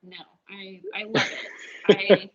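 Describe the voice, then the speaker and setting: A woman co-hosting a live stream, chiming in softly in casual chat. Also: mid-range voice, flat delivery, unhurried, highs cut off. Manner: soft-spoken, chiming in and laughing. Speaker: co-host.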